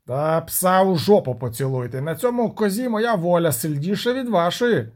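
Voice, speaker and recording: A man's voice: high voice, expressive, moderate pace, a little mellow, voice pushed up. A man voicing a coarse ship captain who talks back in a brash, mocking way. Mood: defiant.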